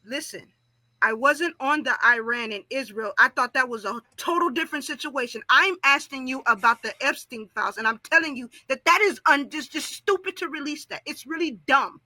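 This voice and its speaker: A male caller on a call-in line, his voice high and pinched with a sharp edge. He argues heatedly with the host, restarting and stammering as he talks. The line sounds dry and close. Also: fairly quick, no echo, poor audio. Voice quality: argumentative, stammering. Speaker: caller to an online show. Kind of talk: heated argument.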